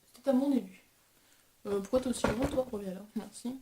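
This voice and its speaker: A woman's voice: fairly high pitch, fast talker, reverberant, heavy background noise. A young woman vlogger chatting casually and self-deprecatingly while testing makeup. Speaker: beauty vlogger. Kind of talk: casual chat.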